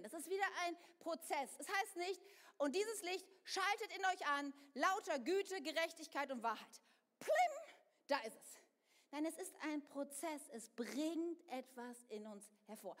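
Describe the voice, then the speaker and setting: A woman with a high voice preaches a sermon in a church hall, talking straight to her congregation and giving voice to the thoughts she describes. Her words ring out with a long reverb that trails off around the room. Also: a little slow. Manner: expressive, acts out inner voices, addresses congregation directly.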